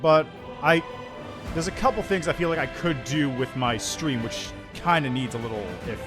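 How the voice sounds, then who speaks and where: A man's voice: fairly high pitch, normal speed, music in the background. A man chatting casually with viewers on a livestream through a headset mic, greeting them and reading chat aloud between gaming remarks. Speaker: streamer.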